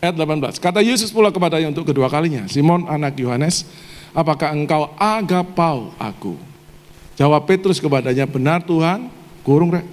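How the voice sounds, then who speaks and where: High-voiced preacher in a reverberant church hall. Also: male voice, animated, fairly quick. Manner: call-and-response preaching, quizzing the congregation. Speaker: pastor. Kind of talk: sermon.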